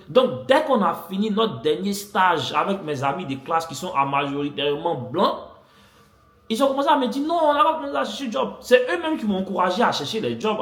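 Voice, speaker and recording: A young man telling a story about his own life in a casual, animated way, repeating himself and swinging between loud and soft. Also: sits high. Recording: echoey room.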